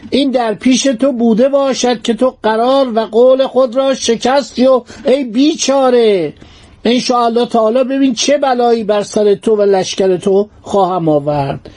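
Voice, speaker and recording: A proud, defiant shah calling out a traitor and a foe in solemn, declaiming tones, as a storyteller puts him on. The voice rides high yet stays warm and mellow, weighty as old court speech in a spoken history tale. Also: male voice. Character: defiant proud male shah shouting at his enemy.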